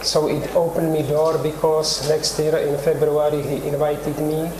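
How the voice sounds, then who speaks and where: Older czech guy, slightly high voice, hesitant explaining, roomy studio with noise. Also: level tone. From Czech Republic. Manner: halting, explanatory, many pauses. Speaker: cannabis researcher guest. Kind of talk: TV studio interview. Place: TV studio set. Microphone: lapel mic.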